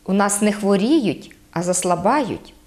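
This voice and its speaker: Woman, Podillia accent, middle pitch, halting explanatory delivery with many fillers, contrasts word pairs slowly. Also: lively intonation, a little mellow. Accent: Podillia Ukrainian. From Podillia, Ukraine. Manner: hesitant, frequent "e" fillers, spells out sounds slowly. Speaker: guest explaining local dialect. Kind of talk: explanatory talk on dialect.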